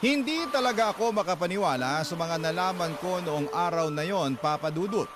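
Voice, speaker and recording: A man with a high-pitched, expressive voice narrates at a moderate pace, in first person, the letter of a heartbroken young mother betrayed by a married lover. His radio drama delivery is confessional and earnest, with music and background noise.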